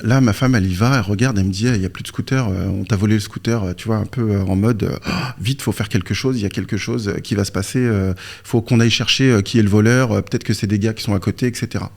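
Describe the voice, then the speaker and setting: A fast-talking man with a lowish, steady, creaky and slightly mellow voice appears as a coach being interviewed. He was born in Morocco and moved to France at three or four, and he explains conversationally with anecdotes and rhetorical questions.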